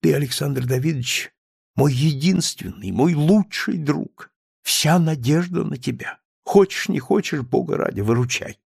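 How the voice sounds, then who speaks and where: A man's voice: fairly high pitch, a little slow, creaky, darkish tone, slightly rough, no room sound, clean studio sound, full character voice. A man playing a desperate, pleading young man. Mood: pleading, urgent. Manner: pleading, urgent. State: trembling voice. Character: desperate, agitated young man begging a friend.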